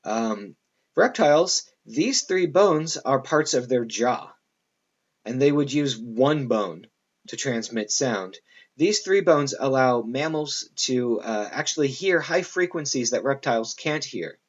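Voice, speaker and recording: A man's voice: medium pitch, lively intonation, slow pace, highs cut off. A man giving a classroom lecture in a loose, conversational way, full of fillers and asides to his students.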